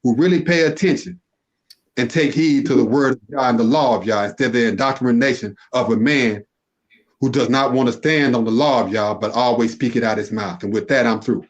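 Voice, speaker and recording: A man's voice: mid-range voice, brisk. A man, a podcast guest, delivering an impassioned religious warning full of rhetorical questions and emphatic repetition. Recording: dull lo-fi audio.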